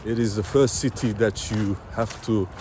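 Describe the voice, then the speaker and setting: Walking down a winter city street amid loud traffic, a travel vlogger chats casually, speaking to viewers and interviewing people in a friendly manner. His voice is warm and fairly low, with a steady tone and moderate pace.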